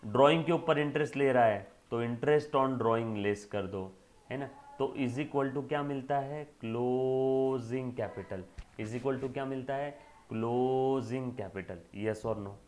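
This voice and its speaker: Man, lecturer, emphatic classroom style, rhetorical check-ins, medium pitch. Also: measured pace, slight background noise. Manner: addresses students fondly as children. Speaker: accountancy lecturer.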